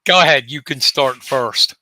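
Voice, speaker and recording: A man in his late fifties with a very bright, ringing voice, co-hosting a sports talk show. He chats and jokes, often tossing out rhetorical questions. The sound is dry and close. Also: mid-range voice, a little slow, no echo. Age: 50s. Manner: chatty, jokey, asks rhetorical questions. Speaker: co-host.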